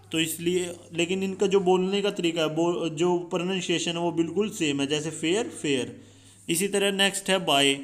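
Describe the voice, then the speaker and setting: A young man with an Indian accent teaching a school English lesson. He reads the English lines slowly, then explains them in Hindi. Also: fairly high pitch, a bit bright.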